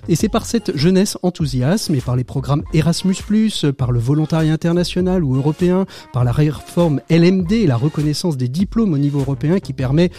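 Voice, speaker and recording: Older male radio host, dark voice. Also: fairly high pitch, lively intonation, faint music behind. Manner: measured, formal delivery with frequent hesitations. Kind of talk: radio show introduction and interview. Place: studio set up in association offices.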